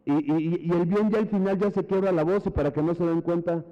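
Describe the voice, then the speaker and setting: Preacher, dark voice in an echoing hall. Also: male voice, high voice, fairly even intonation, brisk. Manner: emphatic, repetitive, asks the congregation questions. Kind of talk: sermon. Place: church hall. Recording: muffled church hall reverb.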